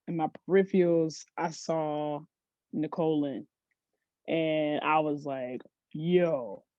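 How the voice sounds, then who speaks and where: In a casual podcast interview, a sports agency CEO chats as a guest, spinning stories and laughing frequently. Her voice is low, the recording lo-fi with no room sound.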